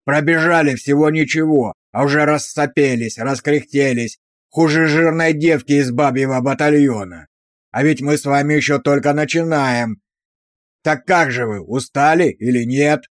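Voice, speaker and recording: A man voicing a brutal, abusive male drill sergeant who barks insults with slow, hammering emphasis. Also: fairly high pitch, no echo, clean studio sound, close to an everyday voice. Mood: mocking.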